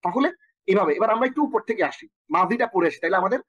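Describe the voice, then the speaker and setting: A young Bangladeshi man with a Bengali accent, teaching an online Arabic lesson and reciting verb conjugations in quick rhythmic runs. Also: sits high, expressive, a bit bright, no room sound, muffled recording. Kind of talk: online language lesson, drilling verb forms.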